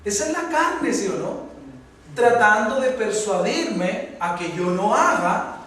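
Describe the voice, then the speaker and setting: A Chilean man preaching a sermon as pastor, his voice rising to loud, fervent peaks. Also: high-pitched, lively intonation, slow. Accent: Chilean Spanish. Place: church hall. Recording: echoey hall from far off, faint noise.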